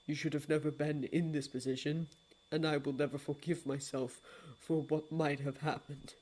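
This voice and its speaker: A woman reading the part of a solemn immortal male lord of dreams, in a grave, formal, hushed manner. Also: sits low, flat delivery, normal speed, voice pushed down, poor audio. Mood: anguished.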